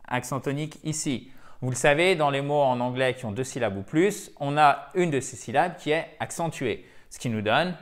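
A man teaching an English grammar point in a video lesson, explaining patiently and checking in often with his viewers. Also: fairly high pitch.

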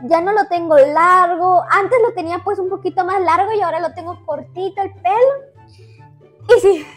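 Girl gamer chatting over gameplay, super high voice, giggly, soft music behind. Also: moderate pace. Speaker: gaming YouTuber. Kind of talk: casual gameplay commentary.

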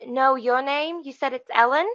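A high, bright-voiced office receptionist, smug and officious, who talks down to every caller. She sounds patronizing and deliberately obtuse. The recording is slightly muffled and lo-fi. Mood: haughty, officious. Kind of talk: comedic short film acting.

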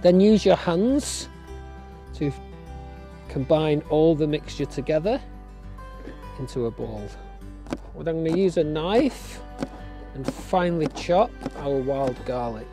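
A middle-aged man from England with a somewhat raised, mellow voice, explaining an outdoor recipe step by step in a friendly tone. He is recorded outdoors in woodland, with soft guitar music playing faintly behind him. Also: fairly high pitch, expressive, slow pace, pauses often. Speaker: family nature educator. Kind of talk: outdoor cooking tutorial.

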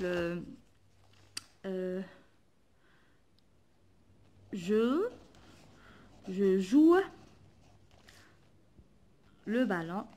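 Slow, patient woman teacher. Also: mid-range voice, darkish tone, a little hiss or hum. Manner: slow, patient, repeats words and spells letters aloud. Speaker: primary school teacher. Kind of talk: workbook lesson explanation.

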